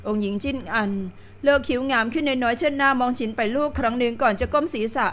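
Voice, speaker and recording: Rich: A woman narrating a long novel as an audiobook, her voice a little high and her delivery calm and steady. She keeps an even, unhurried reading pace throughout. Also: slight background noise. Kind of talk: scripted narration.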